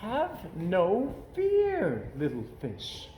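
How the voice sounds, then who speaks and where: A man voicing a breezy trickster cat from a children's storybook, reassuring in a showy, drawn-out way. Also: high-pitched, wildly swooping pitch, warm tone, roomy sound, slight background noise, full character voice, rough recording. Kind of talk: children's storybook read-aloud.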